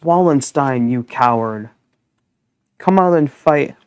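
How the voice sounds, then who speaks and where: A man's voice: medium pitch, lively intonation, takes it slowly, clear, resonant tone, no echo. A man voicing a haughty young aristocratic male pigeon who hurls formal, scornful insults.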